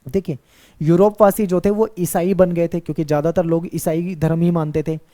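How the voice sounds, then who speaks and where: A man's voice: high voice, dark tone. A male teacher giving an exam-focused history lecture, who asks questions, answers them himself and repeats key points.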